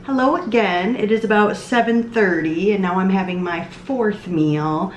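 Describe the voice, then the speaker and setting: A woman's voice: mid-range voice, unhurried, reverberant, a little hiss or hum. A woman chatting casually about her meals in a food vlog, often laughing. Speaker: vlogger.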